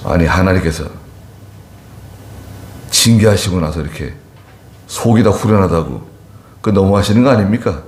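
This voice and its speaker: A man with a fairly low voice delivers an expository sermon in a church sanctuary. He reads scripture and then unpacks it slowly, turning to ask the congregation questions. The room gives his voice a noticeable echo. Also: animated. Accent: Gyeongsang-Chungcheong border dialect roots. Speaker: pastor.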